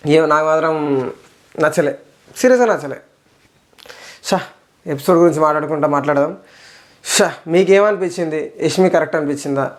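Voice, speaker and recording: A young man with a Telangana Telugu accent delivers a casual episode review in a rapid, fired-up stream. His voice sits a little high for a man, and he hammers his points by repeating words over and over. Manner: fired-up and indignant, repeats phrases for emphasis. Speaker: reality show reviewer.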